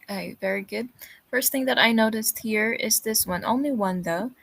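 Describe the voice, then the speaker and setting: A woman's voice: on the high side, normal speed, gravelly, a bit bright, no echo. A woman English teacher giving patient, encouraging feedback to students in an online class over a video call.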